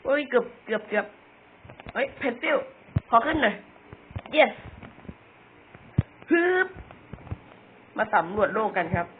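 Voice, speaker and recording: A man's voice: high voice, expressive, moderate pace, long pauses. A young man giving casual, chatty commentary on a video game, joking about himself and often repeating words. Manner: chatty, self-mocking, stumbles and repeats words. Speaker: gamer. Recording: tinny phone-like audio with faint noise.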